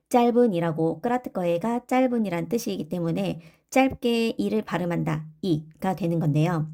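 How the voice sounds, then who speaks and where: A woman's voice: lowish voice, warm tone. A woman teaching a pronunciation lesson, explaining rules and leading repeat-after-me drills of single sounds. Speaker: language teacher.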